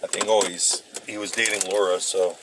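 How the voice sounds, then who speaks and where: A man casually rambling through old memories, halting and hesitant as he searches for details. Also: deep voice, flat delivery. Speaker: vlogger recounting memories. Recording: noisy, with vehicle and ambient sound.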